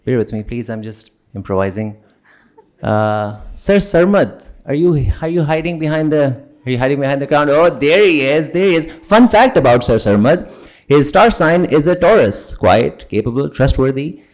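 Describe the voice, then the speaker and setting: A man's voice: on the high side, lively intonation, moderate pace, darkish tone. A young man with a Pakistani accent hosting a ceremony, moving between formal thanks and playful, teasing banter. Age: young adult. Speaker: event host.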